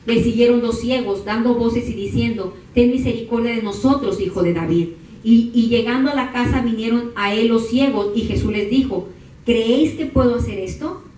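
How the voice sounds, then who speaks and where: A woman preaching a sermon, moving from calm teaching to high, impassioned crying out. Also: normal speed. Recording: echoey room from far off.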